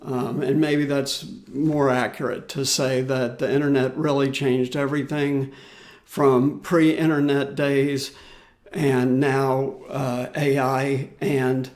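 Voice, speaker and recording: Slow, easygoing male podcast host. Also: medium pitch, flat delivery, darkish tone. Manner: unhurried, loose, with many fillers and restarts. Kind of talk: solo podcast commentary.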